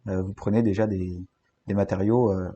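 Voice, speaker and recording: A man with a French accent giving a screen-recorded software tutorial, talking hesitantly with many fillers and restarts. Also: low-pitched, fairly even intonation, moderate pace, dull audio, slight background noise.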